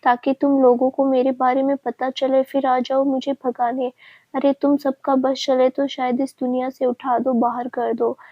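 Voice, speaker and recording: A woman reading the lines of a hurt, defiant young woman in a family story, with a husky voice. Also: high voice, flat delivery, unhurried, no room sound. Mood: bitter. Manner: bitter, defiant. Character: hurt, bitter young woman cutting off a friend. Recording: dry, dull lo-fi sound.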